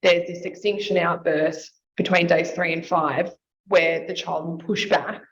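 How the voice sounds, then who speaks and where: Speaking unhurriedly in a steady, lowish voice, a woman explains children's sleep as a sleep and nutrition consultant guesting on a casual interview. She works through her points methodically, often as lists, on slightly dull audio with faint noise.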